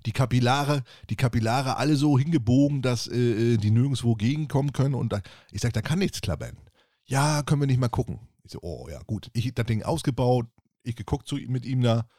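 A man with a mid-range, warm voice talks briskly on a casual podcast he co-hosts, recorded dry with studio quality. An appliance service technician, he tells rambling stories from his job and acts out both sides of each conversation.

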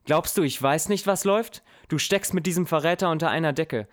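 A man voicing a furious, bitter old king who shouts scornful accusations at his son. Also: on the high side, a little fast, pitched above the performer's own voice, natural voice. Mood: raging.

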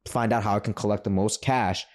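A man from New York in casual podcast chat as a guest, talking in a brash, profane, animated way as he tells his business story. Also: fairly low pitch, a little fast. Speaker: podcast guest, credit repair entrepreneur.

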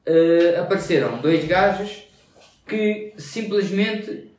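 A man's voice: high-pitched, takes it slowly, darkish tone, very echoey, recorded from a distance. A young man with a European Portuguese accent chiming into a shared story in casual chat.

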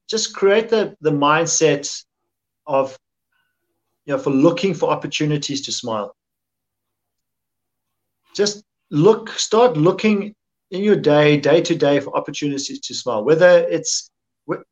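A man from Africa, chatting casually on a podcast, earnest and repeating phrases for emphasis. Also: on the high side. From South Africa. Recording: muffled lo-fi audio.

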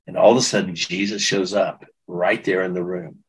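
A man's voice: low-pitched, flat delivery, moderate pace, husky, rough recording. A middle-aged man recounting a personal testimony in an interview, earnest and emotional, often restarting his sentences. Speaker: guest.

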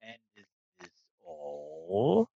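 A man voicing a menacing, proud old male dragon who speaks slowly and grandly. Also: deep voice, wildly swooping pitch, dark tone, no room sound, voice pushed down, exaggerated voice. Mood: haughty. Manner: slow, drawn-out, imperious speech. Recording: dull lo-fi recording.

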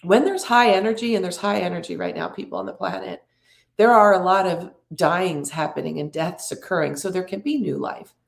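A middle-aged woman hosting an inspirational talk, speaking in slow, drawn-out, reflective phrases and inviting the listener to breathe. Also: on the low side, big pitch swings, creaky, echoey room. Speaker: podcast host and spiritual coach.

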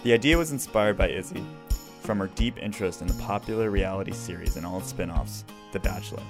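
A man, the host, reading a scripted introduction in a steady, measured way. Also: sits low, over music. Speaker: host and documentary maker. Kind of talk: scripted narration.

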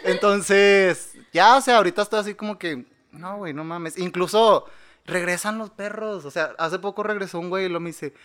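Slangy Mexican man, lively chat. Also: high-pitched, a little fast. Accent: Mexican Spanish. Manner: slangy, swearing, laughing often. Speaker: guest. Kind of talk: casual chat.

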